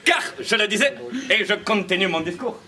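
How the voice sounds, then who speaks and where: A young student man giving a comic speech in a low, mock-solemn confiding way. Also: expressive, moderate pace. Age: young adult. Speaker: student debater. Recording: noisy room, mic far off.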